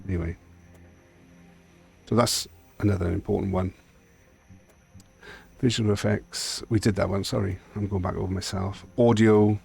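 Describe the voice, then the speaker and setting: Deep gravelly Welsh man talking settings. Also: fairly even intonation, moderate pace, long pauses, a little mellow, faint music behind. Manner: blunt, rambling, offhand. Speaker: sim racing video host. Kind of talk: casual game settings walkthrough.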